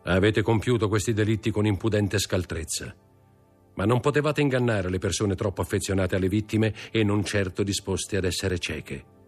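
A man's voice: lowish voice, normal speed, faint music behind, natural voice. A man reading an audiobook, voicing a stern magistrate who coldly accuses his wife. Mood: cold accusing. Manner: cold, accusing, contemptuous.

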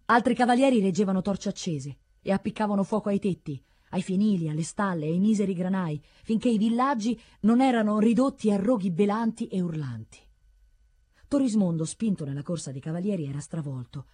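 A woman narrating an audiobook story in a measured, dramatic way. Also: medium pitch, expressive, a little mellow, breathy edge.

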